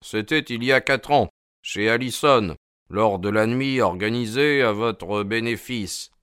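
A man voicing a sharp, confident male detective who speaks in an affable, assured way. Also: lowish voice, a little slow, clear, resonant tone, dry recording, studio quality.

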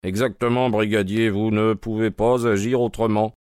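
A man voicing a calm, firm, composed detective in an audio drama. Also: on the low side, moderate pace, clear, resonant tone, no room sound, clean studio sound, lightly acted. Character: calm, commanding male detective.

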